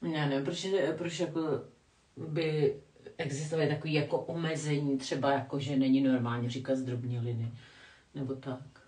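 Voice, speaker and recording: A woman's voice: extremely low pitch, flat delivery, mellow, far from the mic. An older woman chatting casually on a live stream while doing her makeup, rambling and self-mocking as she answers the chat. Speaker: vlogger reading live chat. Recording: echoey room, voice a bit off-mic.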